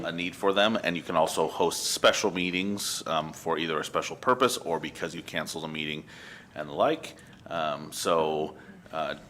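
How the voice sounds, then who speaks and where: Deep-voiced man with a bright tone. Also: slight background noise. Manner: measured, with frequent ums. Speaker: city staff member. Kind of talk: explaining procedure at a public meeting.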